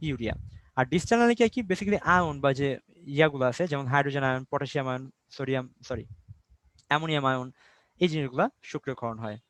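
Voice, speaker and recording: A man's voice: a little high, dry recording. A young man from Bangladesh teaching an online biology class, explaining step by step, asking and answering his own questions and mixing in English words. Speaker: biology tutor.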